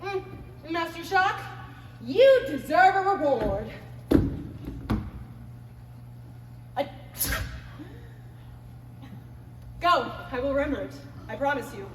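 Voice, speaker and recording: A woman's voice: sits high, animated, normal speed, background noise. A woman playing a greedy old miser father, blustering in a stage play performance. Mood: smug. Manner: blustering, theatrical outbursts. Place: theater stage. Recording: echoey theater stage from far off.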